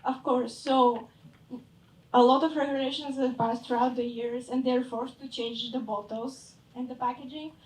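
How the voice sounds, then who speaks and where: A young woman from Bulgaria presents her startup idea with a slightly high voice, often pausing to find her words. She sounds distant from the microphone. A big hall lends her voice a strong echo. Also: fairly even intonation. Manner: hesitant, searching for words, fades at phrase ends. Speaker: startup founder pitching. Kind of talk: pitch and Q&A answers. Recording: echoey hall from far off.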